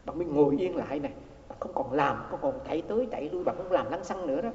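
Monk guy preaching fast, kinda high voice, acts out the back-and-forth, big echoey hall. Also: lively intonation, darkish tone, a little hiss or hum. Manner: storytelling, repeats words, acts out quoted exchanges. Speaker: Buddhist monk teacher. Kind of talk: dharma talk sermon. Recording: echoey hall, dull lo-fi sound.

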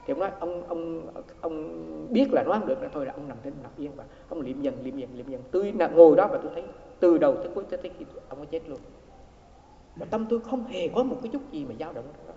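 A man's voice: on the high side, expressive, fast, mellow, a little hiss or hum. A man, a Buddhist monk, giving a dharma talk as he tells a story, repeating words and acting out the quoted exchanges. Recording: echoey hall, dull lo-fi sound.

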